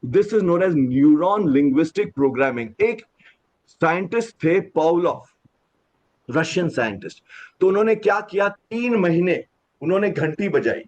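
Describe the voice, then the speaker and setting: A man leading a laughter yoga class, counting aloud and explaining the exercises, switching into slow, deliberate English phrases. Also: sits high, a little mellow. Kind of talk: guided group exercise with explanations. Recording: dull lo-fi sound.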